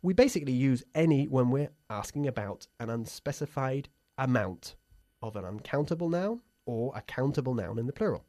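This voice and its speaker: A man's voice: mid-range voice, animated, normal speed, warm tone, dry recording. A man hosting an upbeat bilingual radio English lesson, who laughs often and drills pronunciation in a studio. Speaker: English teacher and host.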